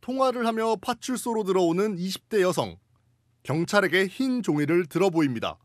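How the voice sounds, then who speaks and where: Guy reporting news from a script, high lively pitch, super dry sound. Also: a little fast, no echo.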